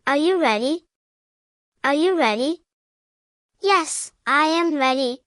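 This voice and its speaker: An English teacher narrator with a distinctly high, expressive, and fairly bright voice reads a beginner language drill. She speaks slowly and carefully in short, evenly measured phrases, repeating each one. The sound is dry, without any room echo.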